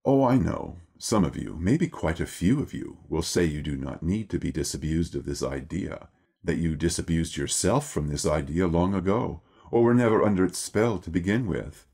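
An electronically disguised Lucifer speaks in an extremely deep, dark, gravelly rumble. He lectures formally and deliberately, with dry irony and a lofty air. The filter gives the voice a husky, dark, unnatural edge. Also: lively intonation, full character voice. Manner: formal, measured, wry and lecturing. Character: Lucifer, a male devil figure, lofty and lecturing. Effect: electronically altered deep voice. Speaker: video producer. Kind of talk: scripted monologue.

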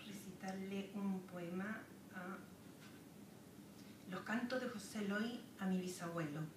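The reader is a woman poet from southern Chile, reciting at a podium with a very slow, measured delivery, a pause between every line, and some asides along the way. Her voice is steady and medium-pitched, and it comes across as distant, since the camera is far across a wood-paneled lecture room with a roomy echo and audible hiss.

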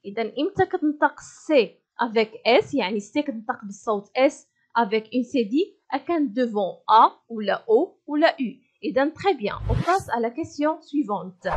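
A woman with a Moroccan Arabic accent teaching a primary school French lesson, saying the French slowly and carefully and explaining quickly in Darija. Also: high-pitched.

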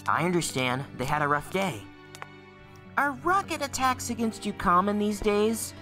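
A woman's voice: medium pitch, sing-song, normal speed, bright, forceful tone, soft background music. A woman voicing an earnest, suspicious young male hedgehog time traveler in a comic dub. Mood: polite. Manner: blunt, urgent, easily flustered.

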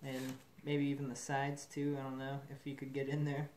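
A man in a metal fabrication shop, talking through a build in a relaxed way and thinking aloud with fillers, recorded on the camera mic from above the bench. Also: mid-range voice, normal speed, a little hiss or hum. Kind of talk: casual shop demonstration. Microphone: camera mic, speaker off-frame above the bench.

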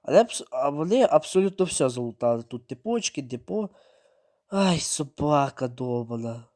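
A man giving running gameplay commentary, narrating his own moves, repeating words and breaking into sudden excited outbursts. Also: medium pitch, moderate pace. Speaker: mobile game streamer.

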